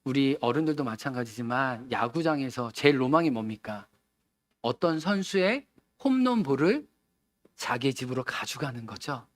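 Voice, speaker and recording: A man's voice: medium pitch, animated, moderate pace, dry recording. A man from Seoul preaching a Sunday sermon, talking easily with his congregation and asking them questions. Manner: conversational, asks the congregation questions. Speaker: pastor. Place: church sanctuary.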